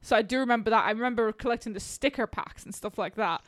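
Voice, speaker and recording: A woman in her twenties from Slovakia chatting casually, animated and excitable, laughing often. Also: a little high, quick pace. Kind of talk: casual chat.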